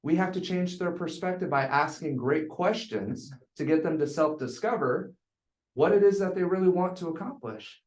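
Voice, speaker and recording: In an echoey room, a real estate sales coach addresses a group with a fairly high, darkish voice at a moderate pace. He is blunt and emphatic, repeating phrases for emphasis.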